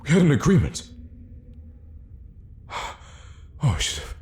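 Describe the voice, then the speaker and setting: Playing the same kind of scheming, condescending guard loyal to his queen, a man performs a theatrical fantasy ASMR roleplay, intimate and full of deliberate pauses. Now in full character voice, slightly high and a little mellow with huge pitch swings, he sounds alarmed and betrayed, and the recording is reverberant.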